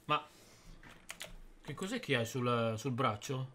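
A man's voice: mid-range voice, lively intonation, slow pace, pushed and bright, slight background noise. A middle-aged father scolding his adult son, exasperated and grumbling. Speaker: father of the youtuber. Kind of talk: scolding family prank vlog chat.

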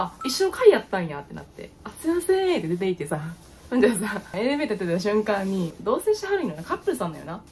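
A woman's voice: mid-range voice, slight background noise. A young woman with a Kansai accent, chatting casually to camera in her apartment as a vlogger, rambling and laughing as she tells stories. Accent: Kansai Japanese. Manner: animated, laughing, rambling storytelling. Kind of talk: casual chatty night-routine vlog.

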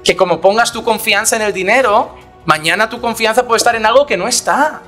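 A pastor preaches briskly in a very high, bright, ringing voice, animated as he acts out the voices he quotes and fires off rhetorical questions. Faint music plays in the background.

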